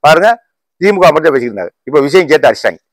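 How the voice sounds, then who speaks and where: A man, a political YouTuber, giving a heated rant to camera in a combative voice full of rapid rhetorical questions. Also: on the high side, sing-song, no room sound, low-quality recording. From Tamil Nadu.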